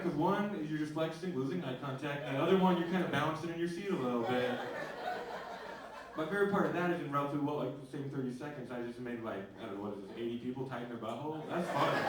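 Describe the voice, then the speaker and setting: A man doing a stand-up comedy set in a club, chatting with the crowd and asking "right?" a lot. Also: a little high. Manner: conversational crowd work, lots of "right?". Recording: echoey club, distant mic, background noise. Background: audience laughter.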